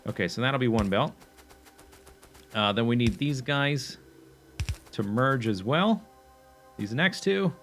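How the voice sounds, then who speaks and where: A man's voice: medium pitch, lively intonation, slow pace, long pauses, a bit bright, soft background music. Man musing aloud over a factory game. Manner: thinking aloud, chatty, with fillers and self-corrections. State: hiccuping. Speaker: gameplay commentator. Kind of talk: casual let's play commentary.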